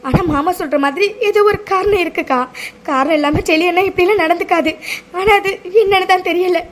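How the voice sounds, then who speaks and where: A woman's voice: extremely high pitch, fairly quick. A woman voicing an anxious, caring young sister who presses with emotional questions. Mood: upset, questioning. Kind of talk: cartoon voice acting.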